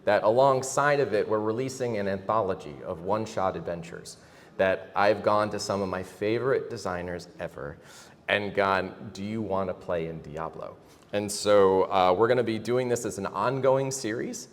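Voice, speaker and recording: A man with a fairly low voice presents on stage at a convention, eager and full of fillers as he lists collaborators. A long hall reverb trails his words. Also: moderate pace. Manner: enthusiastic, name-dropping, many uh fillers. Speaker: game designer presenting upcoming projects.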